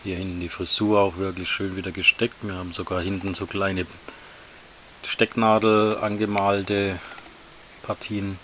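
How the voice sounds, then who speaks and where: A man casually reviewing action figures, talking in a relaxed, slightly halting way while he handles them. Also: deep voice, a little hiss or hum.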